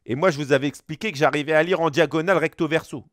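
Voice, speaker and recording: A young male gaming streamer, speaking close to a desk mic, spins a rambling tall tale while opening a game pack, full of slang and mouth sound effects. His voice is a little high and fairly bright, he talks at a racing clip, and the recording is dry.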